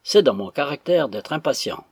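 Guy putting on a loud cocky stranger, impatient, pitch jumping around, kinda husky. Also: animated, normal speed, dry recording. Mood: swaggering. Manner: loud, mocking, theatrical. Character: swaggering, impatient, boisterous male stranger.

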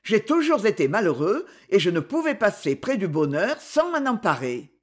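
A woman voicing a smooth-talking, deceitful married man in a read-aloud novel, with low, insistent, persuasive speech. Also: big pitch swings, normal speed. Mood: pleading. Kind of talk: audiobook character voice.

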